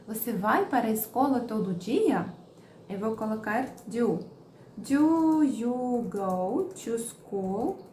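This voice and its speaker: A woman's voice: on the high side, darkish tone. A woman teaching an English lesson, carefully repeating each example sentence. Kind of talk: slow explanatory lesson. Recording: roomy with faint background noise.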